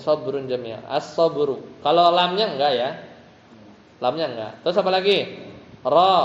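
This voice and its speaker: A fairly high-voiced man with an Indonesian accent leads a tajwid lesson, slowly and patiently breaking down each letter rule and chanting verse lines. The sound is dull and roomy, like a lecture hall with a long echo. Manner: patient, explains each letter and rule step by step, sings verses for the class to repeat. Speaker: Quran recitation teacher.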